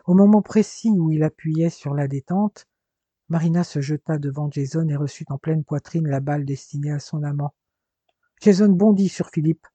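A man narrating a dramatic story in an expressive reading style. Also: on the high side, moderate pace, no room sound, muffled recording. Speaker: audiobook narrator. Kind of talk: scripted narration.

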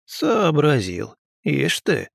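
A man's voice: a little high, huge pitch swings, very slow, gravelly, no echo, clean studio sound, voice pushed up, exaggerated voice. A man voicing a shrewd, bossy old village wise woman with a folksy, scolding manner. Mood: mocking. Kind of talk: audiobook character voice.

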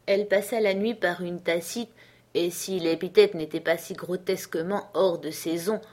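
A woman narrating a literary audiobook in a measured, earnest storytelling manner. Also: on the low side, fairly even intonation, darkish tone. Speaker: audiobook reader.

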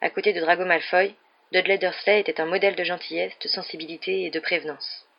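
A steady audiobook narrator reads a children's story with calm, measured pacing. The voice sits in a middle range. The recording sounds a little dull and lo-fi. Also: mid-range voice, gravelly. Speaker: audiobook reader. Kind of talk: scripted narration.

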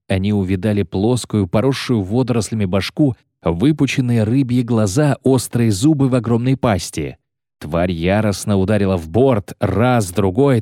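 A man narrating a fantasy novel in an expressive, dramatic reading. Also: lowish voice, no echo, clean studio sound. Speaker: audiobook narrator.

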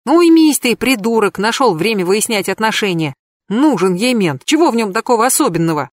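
A woman's voice: mid-range voice, expressive, brisk, no room sound, studio quality, natural voice. A woman reading an audiobook, voicing a hot-tempered young woman who scolds a man sharply. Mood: irritated.

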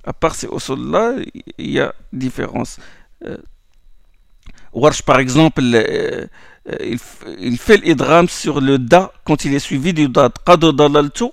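Gravelly-voiced man teaching recitation rules. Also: medium pitch, a little slow, pauses often, no echo, studio quality. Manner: explains in French, recites Arabic verses in a chanting tone; repeats words and restarts often while explaining. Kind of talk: classroom lesson on recitation rules.

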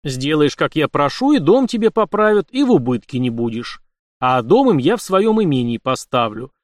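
A confident young nobleman who gives orders calmly and with a dry wit, as a male reader voices him. His voice is a touch high and very lively. It is close and dry. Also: moderate pace, dry recording. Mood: persuasive. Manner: assured, matter-of-fact and commanding. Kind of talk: audiobook character voice.

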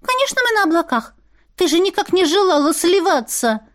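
A woman's voice: extremely high pitch, sing-song, a little fast, a bit bright, no echo, clean studio sound, pitched above the performer's own voice, full character voice. A woman voicing a sly, mocking young female otter spirit in an audiobook. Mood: teasing. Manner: mocking, snippy.

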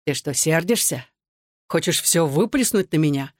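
A man's voice: fairly high pitch, lively intonation, moderate pace, no echo, clean studio sound, natural voice. A reader voicing a drunk, angry young husband in an audiobook, harsh and menacing toward his wife. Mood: taunting. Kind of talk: audiobook dialogue.

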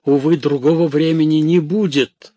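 A man's voice: mid-range voice, lively intonation, slow pace, breathy edge, no room sound. A man reading an audiobook, voicing a passionate young man in despair, crying out urgently. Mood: impassioned. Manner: impassioned, exclaiming.

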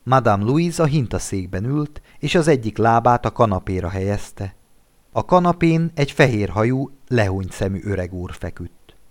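A man narrating a classic literary story for an audiobook. He reads expressively, and his voice sits a little low. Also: animated. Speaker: audiobook reader.

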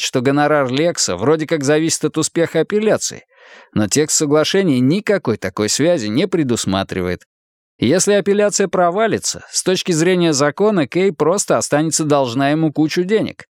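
A man's voice: on the high side, no echo, clean studio sound, pitched above the performer's own voice, lightly acted. A man voicing a brash, profane, pushy middle-aged ex-cop who talks in a coarse, swaggering way. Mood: dismissive.

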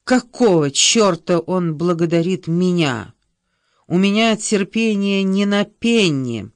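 A woman's voice: fairly low pitch, big pitch swings, a little slow, a little mellow, no room sound, clean studio sound. Woman reading as a wry, exasperated Englishwoman. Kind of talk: audiobook character reading.

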